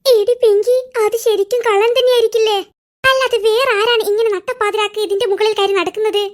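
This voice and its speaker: A woman voicing bickering cartoon children in a comic animation. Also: steady tone. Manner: quick bickering banter in squeaky voices.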